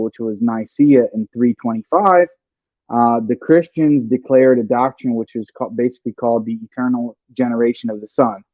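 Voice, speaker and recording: Speaking from a home computer microphone over a stream, this man hosts a podcast in a mid-range voice. The audio is dry, dull, and lo-fi as he casually unpacks an idea one step at a time, filler words scattered throughout.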